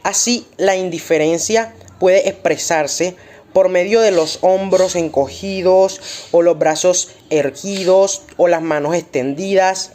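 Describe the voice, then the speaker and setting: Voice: medium pitch, slow pace, darkish tone. A student presenting in class, reading points aloud as a list.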